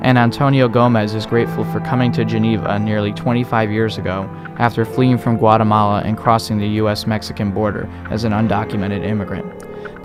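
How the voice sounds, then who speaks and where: A male news reporter giving a measured, earnest introduction and then asking interview questions. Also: on the low side. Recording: music playing behind the voice.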